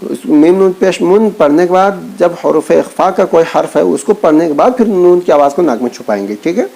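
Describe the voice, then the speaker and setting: Male Quran reading teacher, gravelly, patient and repetitive. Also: high-pitched, lively intonation, brisk, mellow, poor audio. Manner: patient, repeats points, stretches syllables when reciting. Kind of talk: teaching lesson, spelling out letters.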